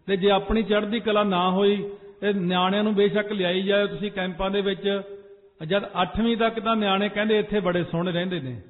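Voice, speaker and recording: A man's voice: high-pitched, steady tone, a little fast. A man preaching a Sikh sermon to a congregation, slipping into sung phrases and rising to urgent emphasis. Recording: echoey hall over a tinny phone-like line.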